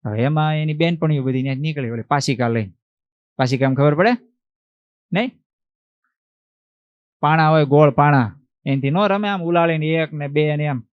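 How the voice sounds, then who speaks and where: A man, a monk telling a devotional story in an animated way, acting out voices and asking the listeners questions. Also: a little high, normal speed, pauses often, no echo, narrow, tinny audio. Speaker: monk giving a religious discourse.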